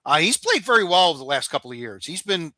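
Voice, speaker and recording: A man with a bright, forceful voice in a dry, close recording, hosting a sports talk show. He recaps events conversationally, stopping on an "um" or "uh" now and then, a bit higher pitched than most men. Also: big pitch swings, fast, no room sound.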